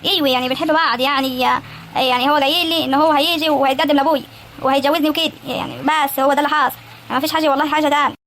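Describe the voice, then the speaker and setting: A woman's voice: high-pitched, fairly even intonation, racing, fairly bright tone, a little hiss or hum. A woman with an Egyptian accent voicing a shy, frightened young village girl in a cartoon, hesitant and pleading. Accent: Egyptian Arabic. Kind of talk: animated cartoon acting.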